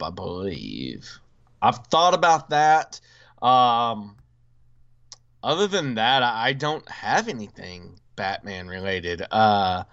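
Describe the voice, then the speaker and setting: A man's voice: mid-range voice, a bit bright, smooth, lo-fi sound. A man co-hosting a podcast in casual chat, enthusiastic and often restarting his sentences. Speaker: podcast co-host.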